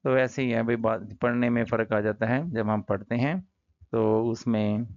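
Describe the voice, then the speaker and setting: A male teacher with a Pakistani accent, giving a casual poetry lesson that mixes Hindi-Urdu explanation with slow, careful reading of English lines. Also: mid-range voice, a little mellow, no echo. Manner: casual, addresses students as brother. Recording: dull lo-fi recording.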